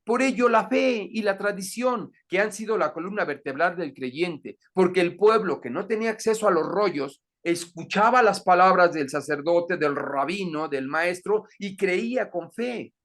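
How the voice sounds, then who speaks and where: A man's voice: high voice, normal speed, hardly any pauses, a bit bright. A man teaching an introductory Bible class, explaining patiently and often checking that the listener is following. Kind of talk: catechism lesson.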